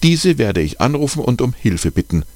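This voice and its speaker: A man's voice: medium pitch, big pitch swings, moderate pace, a little mellow, no room sound, pitched above the performer's own voice. A man voicing a practical, decisive mother in a storybook reading. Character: practical mother, adult woman.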